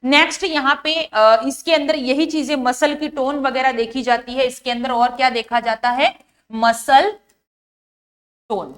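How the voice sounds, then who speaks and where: A woman with a high voice and a Rajasthani Hindi accent teaches nursing exam questions. She explains each point step by step, stops often with fillers, and keeps asking the class to answer. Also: fairly even intonation, normal speed, few pauses, a bit bright. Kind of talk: exam-prep lecture.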